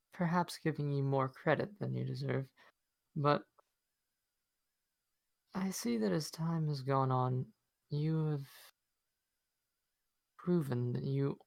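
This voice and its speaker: A man's voice: on the high side, creaky, no echo. A man doing a whispering voice in the head. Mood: cold, knowing. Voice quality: hushed, measured and theatrical. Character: mysterious male voice in a character's head. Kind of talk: whispered role-play.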